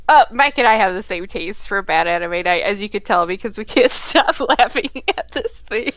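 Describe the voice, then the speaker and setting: A woman's voice: mid-range voice, animated, normal speed, a bit bright, dry recording. A woman co-hosting a casual podcast chat, speaking in a wry, giggly way. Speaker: podcast co-host.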